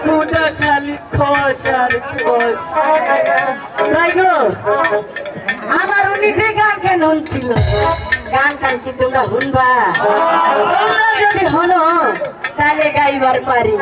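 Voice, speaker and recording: An actor playing a plaintive, cheeky village widow in a hammy folk-theatre monologue, with a rural Bangladeshi dialect, addressing the audience in drawn-out appeals. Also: male voice, very high voice, expressive, heavily acted. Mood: mock lamenting. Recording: echoey outdoor stage, distant mic, loud music, crowd.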